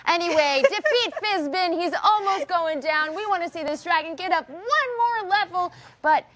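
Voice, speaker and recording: A woman's voice: very high voice, expressive, normal speed, fairly bright tone. A woman co-hosting a live stream with casual banter and fundraising announcements.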